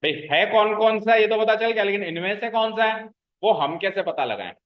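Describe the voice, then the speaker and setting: A man with a high-pitched voice teaches a class, explaining step by step and repeating the key terms. He keeps stopping to check that the students follow. The recording sounds dull and lo-fi. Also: expressive, a little fast. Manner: checks understanding with frequent questions to the class. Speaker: maths teacher. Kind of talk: classroom lecture.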